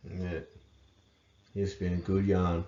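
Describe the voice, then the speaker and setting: Deep, mellow-voiced man in an echoey room. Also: level tone, slow pace. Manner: laid-back, agreeable, many short affirmations. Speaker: rugby coach and podcast co-host. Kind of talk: casual chat. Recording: echoey room, dull lo-fi sound.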